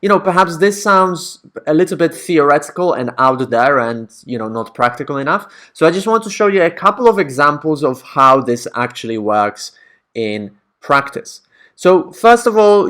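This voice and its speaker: A man's voice: a little high, expressive, normal speed, fairly bright tone. A man teaching academic writing in a casual, conversational way, often checking in with the listener. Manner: conversational, checks in with frequent "right?".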